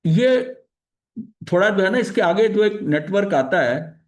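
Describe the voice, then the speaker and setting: A man's voice: high voice, expressive, unhurried. A man leading a religious study session, explaining ideas in a conversational teaching manner with frequent filler phrases, restarts, and English terms mixed in. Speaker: spiritual study leader.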